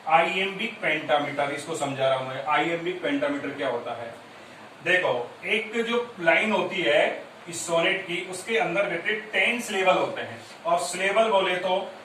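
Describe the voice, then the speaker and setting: High-voiced teacher in an echoey classroom. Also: male voice, sharp tone. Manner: explains step by step, repeats key points, quizzes students; mixes English terms into Hindi explanation. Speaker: school English teacher. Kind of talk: classroom lecture on poetry. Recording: very echoey room, distant mic, faint noise.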